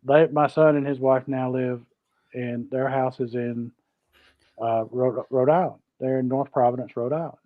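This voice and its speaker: This live show co-host is a middle-aged or older Georgia man whose Southern US accent comes through as he casually greets viewers, repeats himself, and keeps things folksy on the stream. He speaks at a normal speed in a steady, medium-pitched voice, captured in dry, dull, close-up sound.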